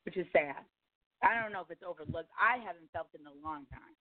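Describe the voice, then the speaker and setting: A woman's voice: lowish voice, lively intonation, fast. A woman hosting a radio talk show, speaking candidly and casually, repeating points for emphasis. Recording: slightly dull lo-fi audio.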